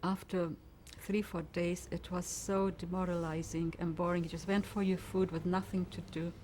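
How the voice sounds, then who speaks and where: A woman's voice: fairly low pitch, flat delivery, normal speed, mellow, slight background noise. A woman, giving oral history testimony and vividly retelling events with acted-out dialogue. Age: 90s. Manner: vivid storytelling, acting out dialogue. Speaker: interviewee.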